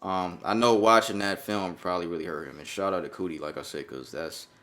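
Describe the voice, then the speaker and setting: Riffing on a viral song in crude, easygoing podcast banter, this young co-host speaks briskly in a low, fairly even, slightly bright voice. He comes from Jamaica and was raised in New York.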